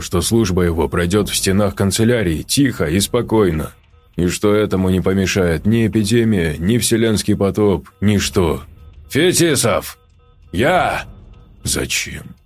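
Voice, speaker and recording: A man reads a story aloud in a steady, measured narration. His voice sits very low and sounds husky. Faint music plays softly underneath. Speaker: audiobook narrator. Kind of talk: scripted narration.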